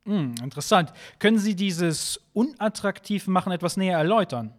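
A man's voice: sits high, lively intonation, fairly quick. A man playing a wry, stingy Victorian moneylender who hosts a scripted history podcast, with a sardonic manner. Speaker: host.

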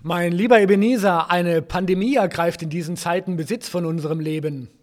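A man playing a sly Victorian host in a scripted history podcast, smooth and teasing. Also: high-pitched, fairly quick, lightly acted. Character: sly Victorian host, man, posing as a ghostly old partner.

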